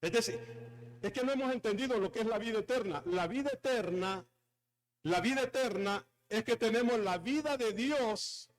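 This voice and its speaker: Male pastor, high voice, emphatic sermon delivery that calls on the room. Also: normal speed. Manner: emphatic preaching with repetition and calls to the congregation.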